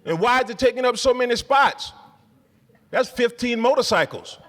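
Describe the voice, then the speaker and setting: High-voiced ranting stand-up comedian. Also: male voice, expressive, moderate pace, long reverb tail. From Spokane area resident since 2001. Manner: profane, ranting, mocks locals in shouted voices. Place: comedy club.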